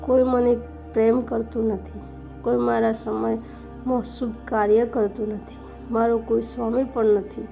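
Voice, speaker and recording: A woman's voice: fairly high pitch, flat delivery, measured pace, vocal fry, dark tone, faint music behind, poor audio. A weeping, pleading month, as a woman reads him.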